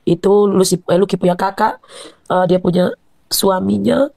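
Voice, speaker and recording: A woman's voice: medium pitch, fairly even intonation, moderate pace, vocal fry, warm tone. A middle-aged woman giving an emotional personal account in an interview, calling herself Mama and often addressing the host as Abang. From Indonesia. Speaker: interview guest, mother of the deceased.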